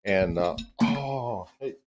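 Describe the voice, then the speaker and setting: On a darts stream, a man in his fifties co-commentates in an easygoing, chatty way, spinning stories as he goes. His voice is on the low side with lively intonation and a slow pace, and faint music plays behind him.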